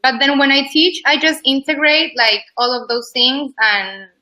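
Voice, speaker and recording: Bright-voiced woman in her twenties. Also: high voice, steady tone, normal speed, poor audio. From Ecuador. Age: 20s. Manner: chatty, loose, many "like" fillers. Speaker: guest, yoga teacher. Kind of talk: casual interview chat.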